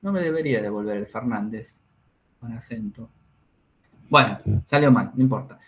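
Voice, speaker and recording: A man's voice: mid-range voice, moderate pace, a bit bright. A man teaching a class, explaining each step and checking in with his students. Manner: explains step by step, checks understanding with tag questions. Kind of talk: classroom lesson.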